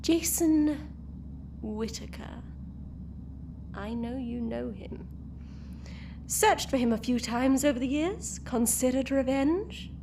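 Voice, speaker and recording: Heavily acted and full of long pauses, her high-pitched, gravelly voice moves slowly over a noisy background. The woman is performing a taunting, cruel time-travelling villainess in fan audio drama, mocking her captives in a theatrical sing-song.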